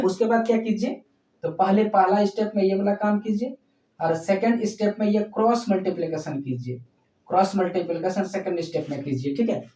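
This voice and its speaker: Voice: medium pitch, darkish tone. A math teacher giving a step-by-step lesson, often checking in with the students and calling them "child". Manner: explains slowly, often checks in with "okay?"; addresses students fondly as "child". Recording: echoey room, voice far from mic.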